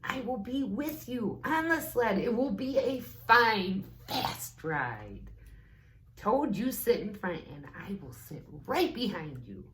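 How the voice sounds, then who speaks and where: A woman's voice: mid-range voice, very animated, slow pace, a little hiss or hum, voice pushed up. A woman voicing a cheerful, encouraging male frog in a children's storybook, with a coaxing, exclamatory manner. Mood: reassuring. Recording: roomy echo.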